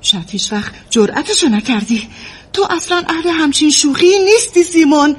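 A woman's voice: high-pitched, sing-song. A woman playing a suspicious, frightened young wife in an audio drama, questioning her husband sharply. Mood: accusing. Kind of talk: amateur audio drama acting.

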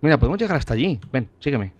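A man's voice: mid-range voice, big pitch swings, rapid-fire, slightly rough, dry recording. A man, playing a game with a friend and teasing him with crude, mock-gloomy banter. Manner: teasing, swears freely, dry mock-gloom. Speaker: gamer playing together online. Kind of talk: casual let's-play banter.

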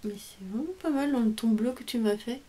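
A woman's voice: a little high, dark tone. Gushing woman chatting over craft mail. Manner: chatty, gushing over each item, reads English phrases haltingly. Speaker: craft channel host opening mail. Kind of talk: casual unboxing chat.

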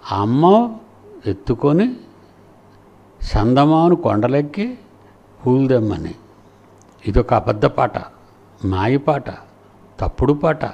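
A man's voice: medium pitch, creaky, a little mellow, dull audio. A man preaching a sermon, retelling nursery rhymes in a sing-song storytelling way.

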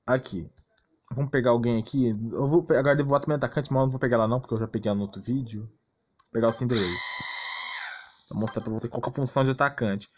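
With a medium-pitched, steady, slightly mellow voice and a quick pace, a Brazilian man hosts a gaming channel and explains gameplay casually. He sounds blunt and exasperated, repeatedly tagging his lines with questions to confirm the listener is following. The lo-fi recording includes background noise and clicks.

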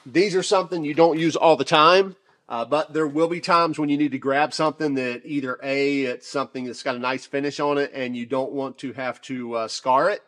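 A man's voice: mid-range voice, brisk. Guy chatting about tools in his shop, lots of uhs and ums, easygoing. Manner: chatty, relaxed, lots of fillers and restarts. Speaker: tool reviewer. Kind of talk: casual product review.

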